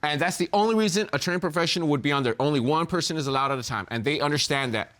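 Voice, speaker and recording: A man with a high voice argues as a litigant in a TV court. He is defensive and insistent as the defendant. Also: racing.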